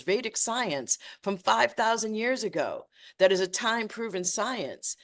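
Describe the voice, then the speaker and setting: Passionate woman energy-medicine teacher. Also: fairly low pitch. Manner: passionate, emphatic, exaggerating for effect; stumbles and restarts when worked up. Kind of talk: podcast interview.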